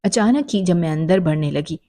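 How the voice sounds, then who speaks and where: A woman's voice: on the low side, expressive, warm tone. A woman telling a dramatic first-person story in an emotional narrating style.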